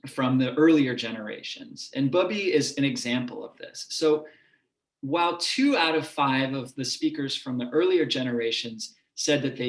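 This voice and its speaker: In a reverberant hall, a university linguistics professor delivers a public talk, his pitch slightly raised and his manner calm and explanatory. He speaks in a measured way, sometimes restarting his sentences.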